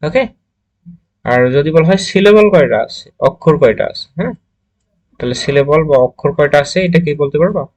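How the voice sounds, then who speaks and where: A man's voice: on the high side, lively intonation, fairly quick, a little mellow. Male grammar teacher, Bangladeshi Bengali accent, video lecture, mixes in English, checks understanding often. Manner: mixes English words into explanations, often checks with "ঠিক আছে?".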